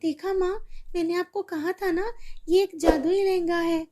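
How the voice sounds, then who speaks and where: Woman voicing a high, excited little girl. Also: a little slow, background noise. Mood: eager.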